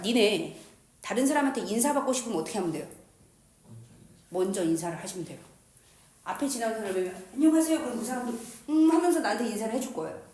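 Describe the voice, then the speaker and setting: A woman's voice: mid-range voice, a little mellow. A woman teaching chemistry in a playful, slangy way, asking the class questions and answering them herself. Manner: uses slang and crude jokes. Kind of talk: lively classroom lecture. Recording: echoey room.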